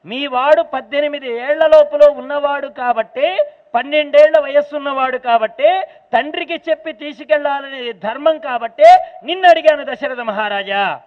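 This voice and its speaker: A man's voice: very high-pitched, moderate pace, in a large hall, narrow, tinny audio. A man voicing a stern old sage in a sermon retelling, speaking firmly and insistently. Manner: firm, insistent.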